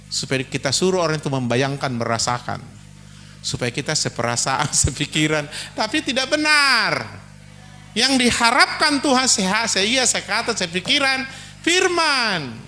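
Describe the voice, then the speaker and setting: Lively, high-voiced joking preacher man. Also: moderate pace, slight background noise. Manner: lively, joking preacher acting out everyday quarrels. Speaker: pastor. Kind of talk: sermon.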